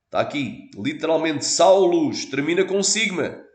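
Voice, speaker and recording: A man's voice: a little high, lively intonation, measured pace, roomy sound. A man with a European Portuguese accent, a pastor explaining a point patiently in a teaching sermon and asking his listeners for assent.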